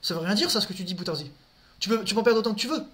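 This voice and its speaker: A man's voice: high voice, lively intonation, racing, fairly bright tone. A man streaming live, answering his viewers' questions in a loose, casual chat full of crude slang and stumbling repeats. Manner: crude slang, repeats words, talks to his audience directly.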